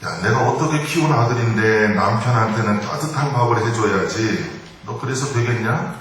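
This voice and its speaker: A man's voice: sits low, flat delivery, normal speed, a little hiss or hum, natural voice. A man voicing a nagging, reproachful older mother-in-law. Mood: scolding. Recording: echoey church hall from far off.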